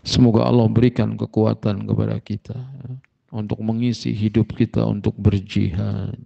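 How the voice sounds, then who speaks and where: A man preaching as an Islamic teacher, telling stories with emphatic jumps in pitch. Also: level tone, moderate pace, vocal fry, slightly rough. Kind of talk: sermon. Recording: muffled lo-fi recording.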